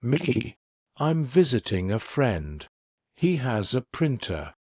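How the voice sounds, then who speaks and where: A man's voice: medium pitch, big pitch swings, takes it slowly, darkish tone, breathy edge, no room sound, studio quality, exaggerated voice. Man reading as a teasing young woman.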